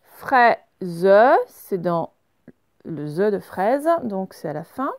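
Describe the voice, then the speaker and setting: A woman gives a reading lesson to young children, saying words slowly and clearly and spelling out sounds. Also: lowish voice, big pitch swings, darkish tone, dry recording. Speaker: teacher.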